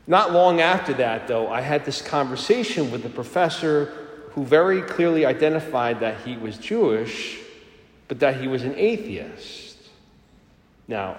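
Priest with a cathedral echo. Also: male voice, mid-range voice. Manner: measured, storytelling delivery. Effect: cathedral echo, long church reverb. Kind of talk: gospel reading and homily. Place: large church. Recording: echoing church with long reverb.

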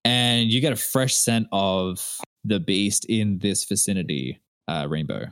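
A man's voice: lowish voice, measured pace, a bit bright, clear, resonant tone, no echo, studio quality. A man running a tabletop role-playing game as game master, telling the scene descriptively in a casual way. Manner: descriptive storytelling, casual asides.

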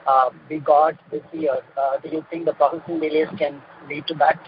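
A man calling into a radio advice show over the phone, asking his question with many hesitant pauses. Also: fairly high pitch, level tone, slight background noise. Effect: phone call heard on air. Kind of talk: call-in question. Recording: dull phone-line sound.

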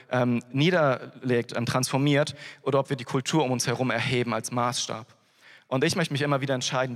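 A man's voice: mid-range voice, a bit bright. Guy preaching in german, chatty and direct with the congregation, big hall echo. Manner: conversational, addresses the congregation directly with frequent "hey" and "ja". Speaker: pastor. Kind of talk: sermon.

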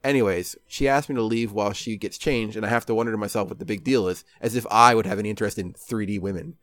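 A man's voice: lowish voice, fast talker, a bit bright, no room sound. A man narrating a game playthrough in a sarcastic, self-mocking way.

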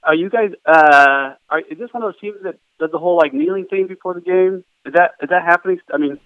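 A man heard over the phone, the sound thin and tinny as if through a cheap handset, with no room around it. He talks quickly, rambles and keeps saying "yeah". He is a distracted caller phoning in from Phoenix. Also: high-pitched, clear, resonant tone, dry recording. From Phoenix, Arizona. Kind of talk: phone call-in chat. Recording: tinny dry phone line.

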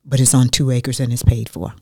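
A woman, a radio guest telling her life story in an animated, chatty way that repeats phrases for emphasis. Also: rumbling low, a little fast, no room sound, studio quality. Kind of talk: casual storytelling interview.

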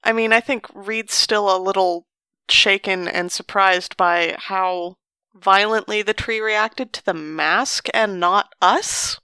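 A woman playing a tabletop game, speaking in a thoughtful, measured way. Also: mid-range voice, bright, forceful tone, smooth, no room sound. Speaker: player. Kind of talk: casual play chat.

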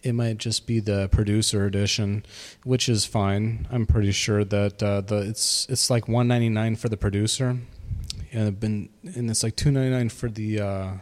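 A man giving a casual, halting demo of his music software, with a reverb effect on his voice. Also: lowish voice, steady tone. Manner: halting, many fillers. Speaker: music producer.

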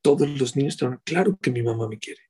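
A middle-aged man giving a sermon as a rabbi, animated and full of rhetorical questions to his listeners. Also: medium pitch, brisk, husky.

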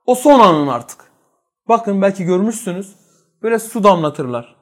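Brief: male religious teacher, high voice, rhetorical questions to the room, swings between loud and hushed. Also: sing-song, normal speed. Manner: quizzes listeners with rhetorical questions. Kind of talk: religious study lesson.

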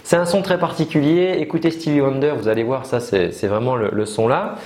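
A man's voice: mid-range voice, fairly even intonation, fairly quick, darkish tone. Chatty male singing teacher, roomy echo. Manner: explanatory, many fillers, demonstrates sung notes. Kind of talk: casual YouTube lesson.

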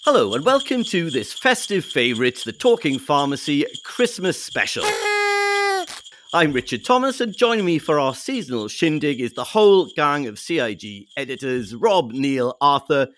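A man's voice: on the high side, big pitch swings, normal speed, background noise. A man hosting a festive podcast in an informal, jovial manner. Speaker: podcast host.

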